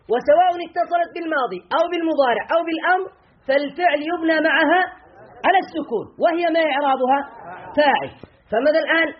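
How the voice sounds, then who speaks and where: A male teacher giving a classroom grammar lesson, asking questions and answering them himself, repeating key terms. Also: very high-pitched. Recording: dull lo-fi classroom recording.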